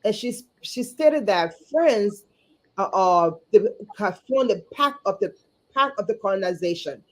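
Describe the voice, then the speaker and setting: A woman from Liberia, speaking earnestly as a guest over a video call, often repeating words and pausing on fillers. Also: medium pitch, lively intonation. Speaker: guest, community advocate and chapter chair. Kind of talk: livestream interview.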